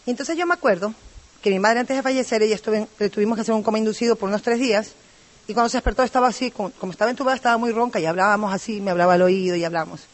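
A woman's voice: medium pitch, rapid-fire. Ecuadorian woman telling her story at a group meeting, talks and talks, lots of little asides. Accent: Ecuadorian Spanish. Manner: talkative and rambling, with many asides. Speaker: speaker at a recovery group meeting. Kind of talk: personal testimony.

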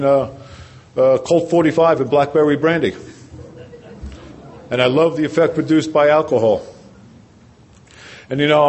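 New man at a podium sharing his recovery story, repeating phrases and questioning the room, average pitch. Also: darkish tone. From New Jersey. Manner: earnest storytelling with rhetorical questions and repetition. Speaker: recovery speaker. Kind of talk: personal recovery story told to a meeting.

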